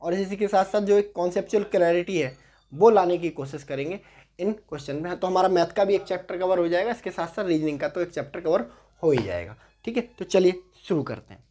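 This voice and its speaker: A high-pitched, warm, expressive male voice belongs to a man in his twenties running an exam-prep reasoning class. He speaks slowly in Hindi sprinkled with English, tosses in tag questions, and repeats words as he writes them on a board.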